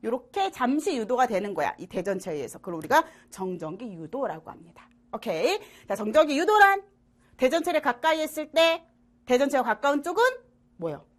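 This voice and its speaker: A woman's voice: high-pitched, fairly quick. A woman teaching middle school science in an online lecture, playful and constantly checking that students follow. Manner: animated, asks students frequent check questions; jokey and playful.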